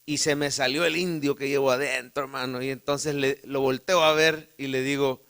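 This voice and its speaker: A man preaching a Sunday sermon in a church, telling a personal story in an animated way and speaking straight to his listeners. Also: mid-range voice, normal speed, smooth. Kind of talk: sermon told as a personal anecdote. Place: church sanctuary during a live Sunday service.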